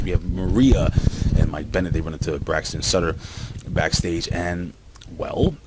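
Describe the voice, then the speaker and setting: Deep-voiced excitable man reviewing wrestling. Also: very noisy. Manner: excitable, rambling, talks straight to viewers. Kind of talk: casual video review.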